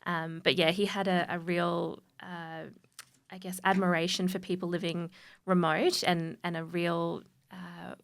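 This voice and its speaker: An Australian woman talks as a guest on a radio interview in a fairly low voice with a gravelly, creaky edge. Her delivery is friendly and earnest, with the odd restart as she explains. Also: flat delivery, unhurried. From North Queensland, Australia. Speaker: guest, charity supporter specialist.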